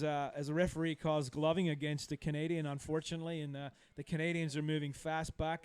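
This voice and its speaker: A man's voice: a little high, darkish tone, clean tone. A man co-commentating a live match, rambling with lots of filler and friendly banter. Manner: rambling, many fillers, cheerful banter with co-host.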